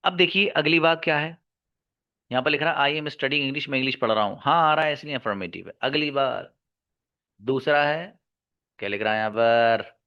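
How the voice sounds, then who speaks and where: A man teaching English grammar in an online lesson, slowly repeating key words and answering his own questions for his students. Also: medium pitch, clear, resonant tone, muffled recording. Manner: calls listeners "babu" and "my friend".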